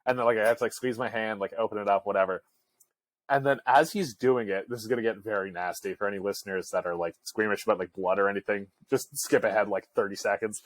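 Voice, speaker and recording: A man's voice: on the low side, fast talker, dry recording. Chatty young man telling a rambling story. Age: young adult. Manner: rambling, filler-heavy storytelling with frequent laughs. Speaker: podcast co-host. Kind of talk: casual chat.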